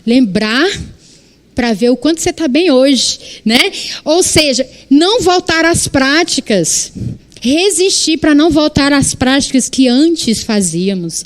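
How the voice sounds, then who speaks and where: A woman in her thirties with a Brazilian Portuguese accent, preaching a church sermon and acting out quoted dialogue. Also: a little high. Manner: animated, acts out quoted dialogue.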